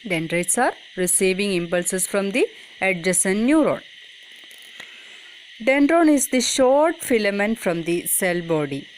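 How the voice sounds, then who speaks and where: A woman's voice: mid-range voice, animated, a little slow, slight background noise, low-quality recording. A woman reading a scripted educational narration for a school lesson. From Kerala, India.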